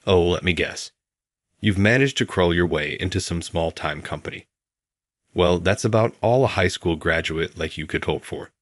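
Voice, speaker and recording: A man's voice: low voice, moderate pace, a bit bright, no echo, studio quality. A man voicing an arrogant male boss who mocks and looks down on others. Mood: sneering. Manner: mocking, condescending.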